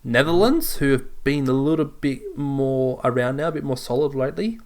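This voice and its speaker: A man's voice: mid-range voice, moderate pace, a little mellow, slight background noise. A young man co-hosting a casual podcast chat, rambling through lists with frequent restarts and chuckles. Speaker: podcast co-host.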